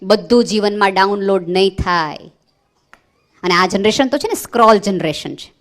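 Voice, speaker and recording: Woman, motivational speaker, mid-pitched, earnest speech with repeated phrases and stories. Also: moderate pace.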